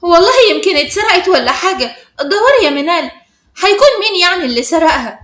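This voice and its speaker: A woman with an Egyptian accent voicing a spiteful, scheming teenage schoolgirl with a sneering, shrill way of talking. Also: lively intonation, quick pace, fairly bright tone, echoey room, a little hiss or hum. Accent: Egyptian Arabic.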